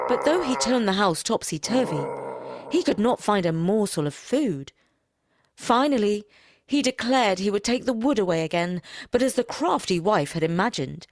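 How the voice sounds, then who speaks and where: A woman reads a children's tale aloud, playful and expressive. Her voice swoops up and down as she builds the story. The recording is dry and close, with no room sound. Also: mid-range voice, moderate pace, dry recording. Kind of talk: scripted storybook narration.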